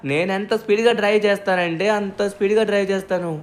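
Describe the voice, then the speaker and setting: A man narrating and voicing the lead in a game role-play story, brisk and reassuring. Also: high-pitched, steady tone. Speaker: narrator and player.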